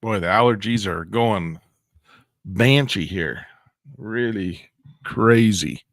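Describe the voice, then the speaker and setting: Talking through charts during a live screen-share trading session, this man rambles, corrects himself, and sounds excited about the market. His lowish voice moves slowly and is congested from allergies and a cold, captured in a dry, studio-quality recording.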